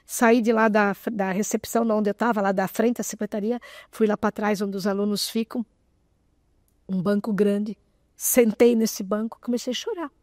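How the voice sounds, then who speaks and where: A woman in her sixties, a guest in an interview, telling a personal story in an animated way, often close to tears. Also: medium pitch, normal speed, no echo. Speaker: interview guest, association president.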